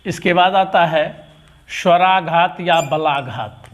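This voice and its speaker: A man teaching Hindi grammar in a dictation-style lesson, repeating each term slowly with long pauses between words. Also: fairly high pitch.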